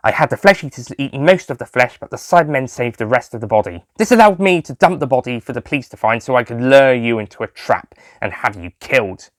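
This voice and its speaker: A man's voice: medium pitch, animated, fairly quick, few pauses, no room sound, natural voice. A man voicing a smug, scheming alien villain with a volatile temper, gloating theatrically in a sci-fi audio story.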